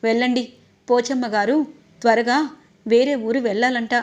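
A humble young wife with a polite, gentle way of speaking, as a woman storyteller puts her on. The voice is fairly high and close to the storyteller's own. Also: steady tone, moderate pace, natural voice.

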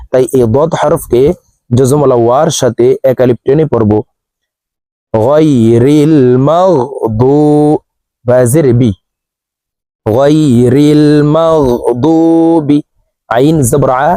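A man teaching Quran recitation, spelling out each syllable and then chanting the words slowly and drawn out. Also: mid-range voice, mellow, dry recording. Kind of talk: letter-by-letter recitation lesson.

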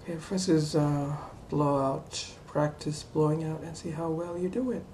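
A young adult woman talking casually to camera during voice practice, halting and muttering as she thinks aloud in a bedroom. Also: low voice, fairly even intonation, warm tone. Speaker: voice trainee doing breathing exercises. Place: small cluttered bedroom, indoors. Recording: faint room noise.

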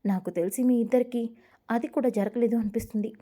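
A woman's voice: on the high side, fairly even intonation, brisk, dark tone, close to an everyday voice. A woman voicing a brazen young man who coaxes a married woman in a spoken story. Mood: coaxing. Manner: sly, coaxing.

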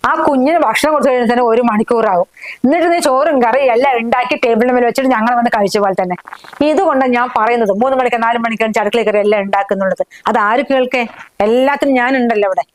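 A woman's voice: on the high side, racing. A woman acting as a grandmother and mother-in-law in a family short film, sarcastic and nagging. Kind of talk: domestic drama acting. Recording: clear background noise.

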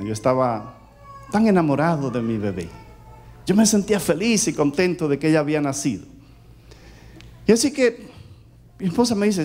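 A male pastor preaching a sermon, telling personal stories and asking the audience rhetorical questions with emphatic delivery. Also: on the high side.

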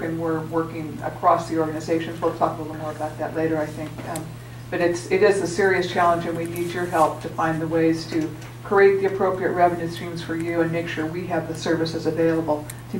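A woman's voice: fairly low pitch, darkish tone, slight background noise. Woman panelist in a roomy hall. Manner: measured, explanatory, with frequent restarts. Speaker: energy grid operator executive on a panel. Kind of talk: panel remarks. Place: large auditorium stage with audience. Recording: roomy hall sound from a distance.

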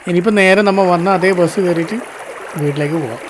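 A man's voice: sits high, quick pace, a little hiss or hum. A man with a Malayali accent casually narrating his travel vlog outdoors. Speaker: vlogger. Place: outdoors by a river.

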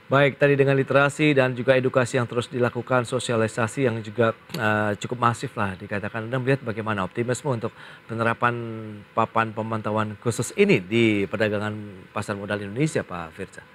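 A man's voice: mid-range voice, fairly even intonation, brisk, a bit bright, a little hiss or hum. A young man hosting a live business news interview in a studio, polished and affirming. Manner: polished, affirming, frequent acknowledgments.

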